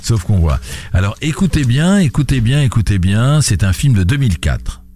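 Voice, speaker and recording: A man's voice: medium pitch, sing-song, moderate pace, mellow. A man hosting a radio film show, teasing his guests as he runs a film quiz. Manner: playful, teasing quizmaster.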